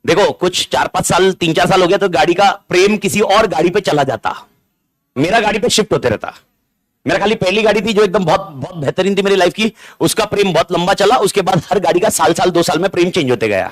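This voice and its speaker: A middle-aged man teaching a live classroom lecture that is also streamed online. He talks in an animated, teasing way, repeats key words and fires questions at the class over a classroom mic. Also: high-pitched, fast. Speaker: accounting exam lecturer. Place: classroom with students present. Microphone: amplified classroom mic.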